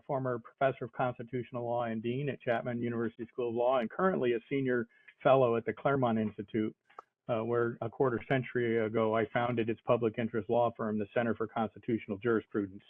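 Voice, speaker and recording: An older man giving a measured, explanatory talk on constitutional law over a call, pausing often with fillers. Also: mid-range voice, little pitch movement. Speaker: speaker, constitutional law scholar. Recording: tinny phone-like call audio.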